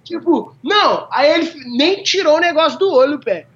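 With a very high, expressive and slightly bright voice at normal speed, a guest from a small Minas Gerais town in Brazil relaxes into funny stories, laughing often along the way. The recording sounds dull and lo-fi.

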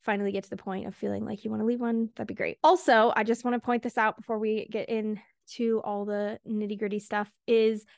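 A woman hosting a casual solo podcast, chatty and quick, a little out of breath, laughing between words. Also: mid-range voice, little pitch movement, creaky, a little mellow, dry recording, studio quality. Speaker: podcast host.

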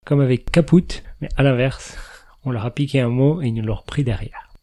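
A man's voice: medium pitch, brisk, dark tone. A man hosting a podcast in a casual, explanatory chat, laughing now and then at his own remarks. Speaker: podcast host.

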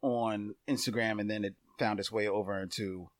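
A man's voice: on the low side, fairly even intonation, dry recording, studio quality. A man co-hosting a podcast in casual chat, curious and questioning, reading aloud at times. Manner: curious, questioning, quick to laugh. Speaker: podcast co-host.

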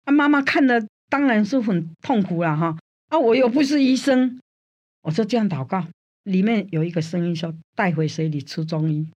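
An older woman from Taiwan, a guest in an interview, animatedly tells her personal faith testimony at a moderate pace. She frequently uses the filler sounds "hā" and "āi," and her pitch rises in tense moments.

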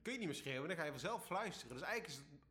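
A Dutch man co-hosting a podcast in casual chat, opinionated and quick to laugh. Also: a little high, animated, pushed and bright. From Netherlands. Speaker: podcast co-host.

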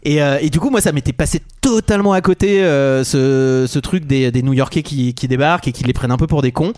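Guy from brittany gushing about a movie on a podcast, fairly high voice, dry close mic. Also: fairly quick, a little mellow, no room sound. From Brittany, France. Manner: enthusiastic, laughs easily, many restarts. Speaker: film podcast panelist. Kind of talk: casual panel chat.

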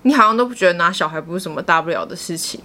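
A woman's voice: on the low side, animated, very fast, sharp tone. A young woman on a podcast, chatting casually and mostly asking short questions and reacting. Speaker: podcast co-host, daughter. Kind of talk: casual chat.

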